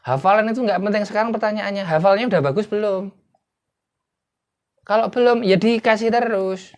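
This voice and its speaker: A man's voice: high voice, a little fast. A man giving an explanatory lecture as an English teacher, asking rhetorical questions and answering them himself.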